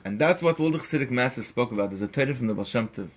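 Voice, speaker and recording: A man with a middle-pitched voice teaches a Torah lesson. He tells it as a lively story and swings between quiet explanation and emphatic peaks. His delivery is animated and conversational. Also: very fast. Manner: animated, acts out the characters, rises to emphatic peaks.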